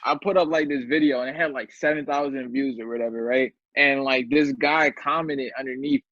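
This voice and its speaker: A man co-hosting a comedy podcast, dropping dry, quick one-liners in casual banter. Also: medium pitch, steady tone, no echo. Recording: dull lo-fi sound.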